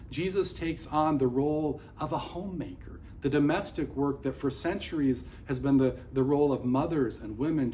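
Indoors beside a large window that faces office towers, a middle-aged pastor earnestly preaches to a nearby camera, hands open as he gestures. His voice is mid-range and a bit mellow, and the recording has a little hiss or hum.

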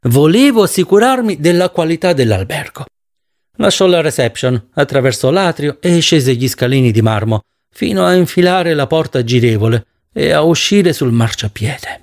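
A man narrating a novel as an audiobook, reading in an expressive, dramatic way. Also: mid-range voice, normal speed, creaky, few pauses.

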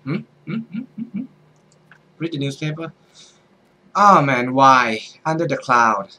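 A man's voice: mid-range voice, animated, a little slow, pushed and bright. A young man giving let's-play commentary, full of startled exclamations and swearing. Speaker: gaming YouTuber.

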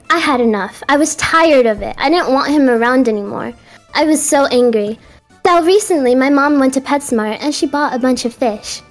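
A young adult woman with a very youthful, girlish voice and a cute anime-streamer manner, casually telling confessional stories. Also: sits high. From Colombia and the United States. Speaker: confession guest caller.

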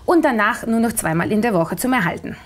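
A woman's voice: on the high side, lively intonation, brisk. A woman in her thirties giving an infomercial testimonial as an interview guest in a TV studio.

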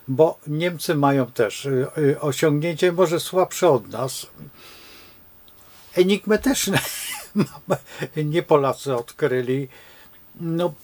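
An older Polish astrologer with a voice on the high side gives an informal talk to his followers, rambling and digressing with many hesitations and wry chuckles.

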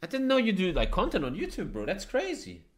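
Lively man reacting to clips. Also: sits high, brisk. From Germany. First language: German. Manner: animated, swears casually, laughs often. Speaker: reaction video host. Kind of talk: casual reaction commentary.

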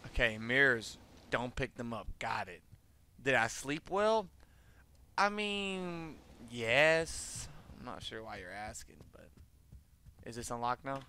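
A man's voice: mid-range voice, sharp tone. A man giving casual horror game commentary as a scared streamer, jumpy and talking to himself and to the game.

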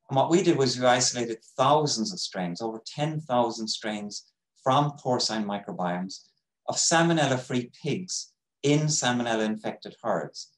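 A man giving an academic webinar lecture over a video call, explaining in a measured way with frequent pauses. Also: lowish voice, reverberant, rough recording. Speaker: microbiology professor giving a webinar talk.

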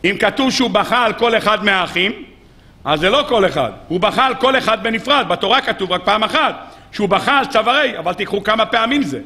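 Man, rabbi, weekly sermon, high voice, bright tone, animated storytelling, rhetorical questions. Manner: animated storytelling, acting out quoted speakers.

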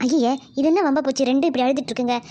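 A high, quick-talking cartoon young woman, voiced by a woman with a cheeky, teasing edge. She bosses younger kids around and mocks her friends lightly. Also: fairly even intonation, warm tone, lightly acted. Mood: bossy. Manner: teasing and bossy. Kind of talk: cartoon voice acting.

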